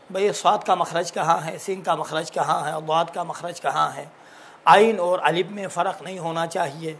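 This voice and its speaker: A man's voice: sits high, husky. A man teaching Quran recitation in a religious lesson, explaining patiently and drawing out syllables to demonstrate. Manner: drawn-out demonstration of syllables and words; explaining, repeating examples patiently.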